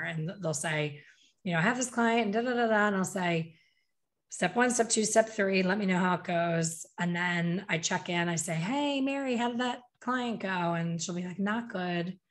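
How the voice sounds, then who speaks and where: A woman in her fifties, a hair color educator talking animatedly on a video call, gesturing with her hands and acting out what people say. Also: on the low side. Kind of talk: casual video call interview. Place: small bright room at home. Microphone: desk microphone on video call.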